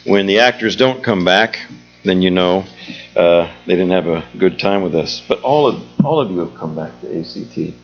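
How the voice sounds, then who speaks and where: This is a man with a low-pitched voice and moderate pace, playing theatre director and host. He gives a live audience a loose, humorous welcome speech as the theatre's executive director hosting the show, recorded dull and lo-fi with music in the background.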